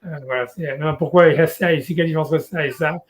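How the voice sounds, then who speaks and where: A man teaching Torah in a relaxed one-on-one study session, talking casually with many restarts and fillers. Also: a little high, quick pace.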